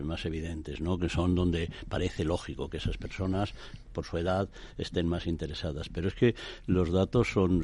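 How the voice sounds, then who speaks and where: Radio host guy, low voice, dry close mic, measured, all about the numbers. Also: a little mellow, no room sound. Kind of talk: radio interview. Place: radio studio.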